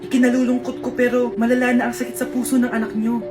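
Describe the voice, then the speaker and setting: A woman's voice: on the high side, level tone, quick pace, music in the background, voice pushed down, natural voice. A woman playing a serious doctor who gives grave news in a formal way, in a comedy skit.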